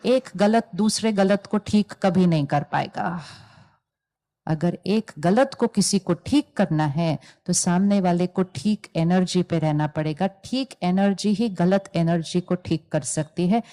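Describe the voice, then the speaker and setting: A woman giving a calm spiritual talk to an audience, explaining ideas and telling stories with quoted dialogue. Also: lowish voice, measured pace. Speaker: spiritual teacher.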